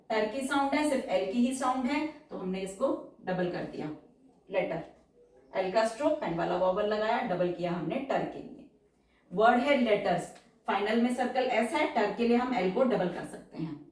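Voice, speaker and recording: A woman's voice: medium pitch, darkish tone, recorded from a distance. A woman teaches shorthand in a patient, step-by-step way, saying each example word twice. Her voice sits back from the microphone. The room around her carries a noticeable echo. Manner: patient, repeats example words slowly. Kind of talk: step-by-step tutorial explanation. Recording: roomy echo, voice from off-mic.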